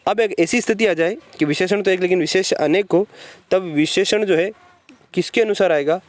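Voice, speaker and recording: Grammar teacher, male, fairly high voice, patient lecture pacing, keeps checking in with "okay". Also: normal speed, no echo. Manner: explains step by step, asks and answers his own questions, repeats "ठीक है". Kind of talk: classroom-style grammar lecture.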